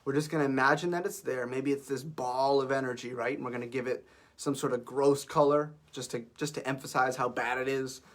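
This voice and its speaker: A man's voice: mid-range voice, steady tone, fairly quick. A young man teaching a martial arts class to camera from an office, upbeat and coaching, a little out of breath. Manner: upbeat, coaching, counts out loud and shouts "ha" on punches. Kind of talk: guided workout class to camera. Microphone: camera facing him.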